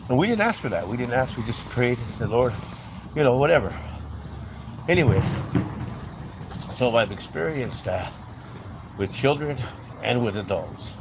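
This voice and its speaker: A middle-aged livestream host tells stories casually while driving through city streets, rambling and chatting into a phone with frequent "anyway" and "um." His mid-range voice is sing-song, at normal speed with frequent pauses. Traffic and city street noise come through clearly.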